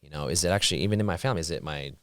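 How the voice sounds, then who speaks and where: A man in his thirties talks fast and loosely, leaning on filler words as a guest on an interview show. His voice sits very low. The sound is dry and close. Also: fairly bright tone, no room sound. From Utah, raised partly in Saudi Arabia. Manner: chatty, many "like" and "you know" fillers. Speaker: plastic surgeon guest. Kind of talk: casual interview chat.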